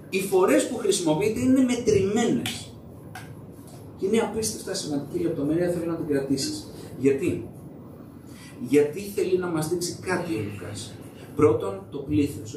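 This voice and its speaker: A young preacher speaks conversationally from the pulpit of a church hall, asking the congregation questions. His voice sits high and a little mellow, picked up by a distant mic in an echoey room with a bit of hiss or hum.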